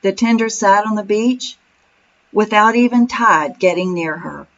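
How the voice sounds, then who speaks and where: A woman tells a scripted story as voice-over narration in an even, storytelling manner. Her pitch sits in the middle of the range. The recording sounds a little dull and lo-fi. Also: measured pace. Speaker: vlog narrator.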